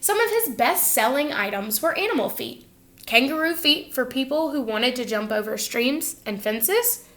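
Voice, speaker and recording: This woman teacher's voice sits high, with a faint hiss or hum in the audio. She reads a picture book aloud to students expressively and instructively, pausing to quiz them.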